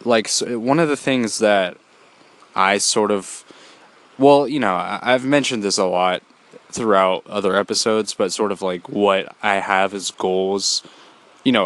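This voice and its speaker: Slightly congested from a cold, this young podcast host talks on his own in a loose, wandering way, often using fillers and starting over. He speaks a little slowly, in a voice on the low side with a bit of brightness.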